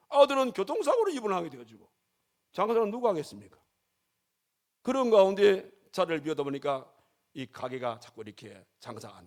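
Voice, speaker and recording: A man preaching a sermon as pastor, emphatic, with his voice climbing and falling sharply. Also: sits high.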